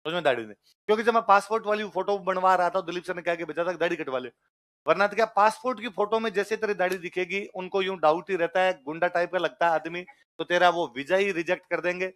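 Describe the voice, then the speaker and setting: A man with a Rajasthani accent tells a personal story in the middle of a lesson. He has a notably high voice. He slips into the voices of the people in his story as he goes. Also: fast. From Jodhpur, Rajasthan. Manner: animated storyteller acting out quoted voices. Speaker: teacher. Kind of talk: storytelling anecdote in a lecture.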